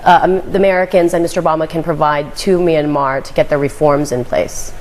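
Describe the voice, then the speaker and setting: A young adult woman anchoring a morning news show, chatty in banter and crisp when reading stories. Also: deep voice, fairly even intonation, a little fast, a little mellow, slight background noise. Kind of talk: morning news chat and newsreading.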